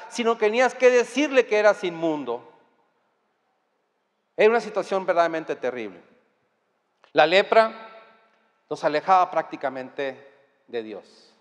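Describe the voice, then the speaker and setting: High-voiced Mexican preacher in echoing hall. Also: male voice. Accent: Mexican Spanish. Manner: conversational, addressing the congregation directly; rising to loud emphatic peaks. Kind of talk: sermon. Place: church hall. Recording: long hall reverb.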